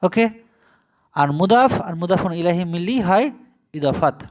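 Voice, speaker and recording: A man from Bangladesh teaching Arabic grammar in Bengali in an online lesson, explaining step by step and slowly spelling out Arabic terms. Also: high-pitched, expressive, darkish tone.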